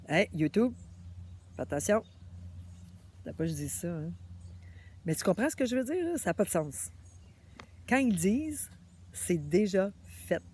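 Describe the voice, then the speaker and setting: A woman with a Québécois French accent, chatting casually straight to her viewers in an animated, familiar way. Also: fairly low pitch, a little hiss or hum. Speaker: vlogger.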